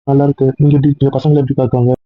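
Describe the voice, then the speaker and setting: A man's voice: mid-range voice, little pitch movement, dry recording, close to an everyday voice. A man playing a possessive young husband. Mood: friendly. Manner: pleading then insistent, quick. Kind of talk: hobby audio drama. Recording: tinny phone-like dry sound.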